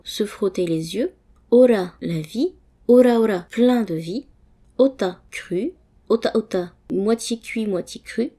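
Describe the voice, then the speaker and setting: Slow, mellow-voiced woman reading words. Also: mid-range voice. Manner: slow, careful word-by-word reading. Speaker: language teacher. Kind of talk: reading a vocabulary list aloud.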